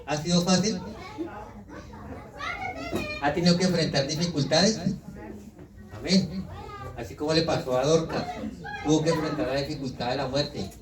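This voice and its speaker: A visiting Colombian pastor with a Colombian Spanish accent preaches a lively sermon in a voice somewhat high for a man, teasing the congregation with questions and mock quotes. He sits back from the mic in a roomy, echoing church hall, with the congregation audible around him.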